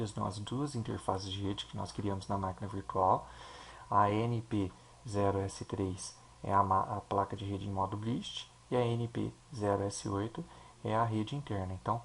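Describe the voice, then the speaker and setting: A man with a Brazilian Portuguese accent, a teacher explaining a software installation step by step and checking in with his listeners. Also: fairly low pitch, vocal fry, a little hiss or hum. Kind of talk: screen-recorded software tutorial.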